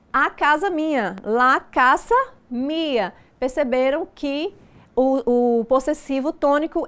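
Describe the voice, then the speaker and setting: A middle-aged Brazilian woman teaching Spanish in a recorded online lesson. She explains patiently and says each example sentence slowly and clearly. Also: high voice. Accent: Brazilian Portuguese.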